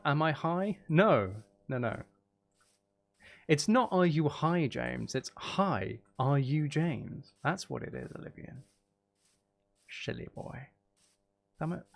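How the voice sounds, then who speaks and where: This livestream host's voice is fairly high, animated, and gravelly, moving at a slow pace with long pauses. Chatting casually with viewers while he plays, he rambles, teases playfully, makes self-deprecating jokes, and comments on the game.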